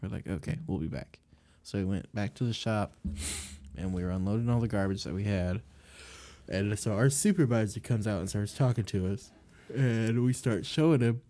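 A man's voice: lowish voice, normal speed, warm tone. A man, co-hosting a casual chat and rambling through stories with fillers and laughs.

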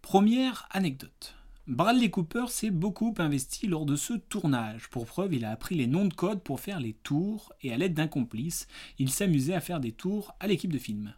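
A man's voice: fairly high pitch, very animated, normal speed, darkish tone. A man hosting a casual film podcast, talking in a chatty way with lots of hesitations and fillers and teasing his co-host with quiz games. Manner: playful quiz-master teasing.

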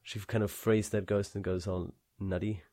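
A man's voice: lowish voice, little pitch movement, moderate pace, dark tone, dry recording. A man co-hosting a podcast, chatting casually about a story with lots of filler words. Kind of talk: casual chat.

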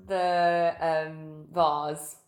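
A woman's voice: sits low, flat delivery, extremely slow. A woman co-hosting a podcast in casual, informal chat, loosely phrased. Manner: informal, hedging with "like" and "kind of". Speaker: podcast co-host. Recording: roomy echo.

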